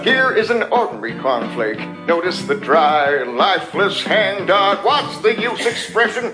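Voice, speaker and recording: A man playing a gushing advert announcer with a booming, over-enthusiastic sales pitch. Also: sing-song, unhurried. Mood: hard-sell. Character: hard-selling, gushing cereal advert announcer. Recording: roomy old radio broadcast with music.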